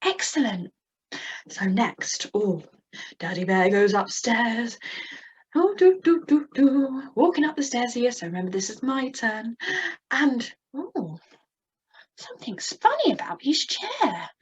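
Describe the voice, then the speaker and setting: High, breathy young woman teaching children. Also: measured pace, lo-fi sound. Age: young adult. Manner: expressive, with audible gasps. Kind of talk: children's lesson with puppets. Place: indoors at a computer, virtual background.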